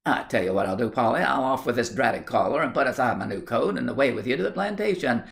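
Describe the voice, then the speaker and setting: A man's voice: mid-range voice, expressive, quick pace, gravelly. A man reading aloud and voicing a blunt, good-natured young village lad with broad rustic country speech and a joking manner. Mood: cheerful.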